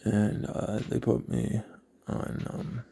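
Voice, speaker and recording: Gravelly slow-talking man, halting. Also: mid-range voice, flat delivery, mellow. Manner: halting, reflective, many pauses. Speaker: vlogger. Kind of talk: personal storytelling.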